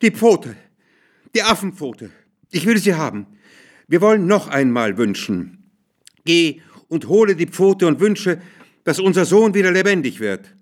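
A man's voice: big pitch swings, measured pace, long pauses. A man voicing a frantic, grieving old mother who shrieks and begs in a storybook reading. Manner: shrill, desperate shrieking.

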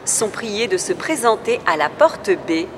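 Female announcer, measured public-address read with a faint noise bed behind. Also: medium pitch, very animated. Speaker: station and airport announcer.

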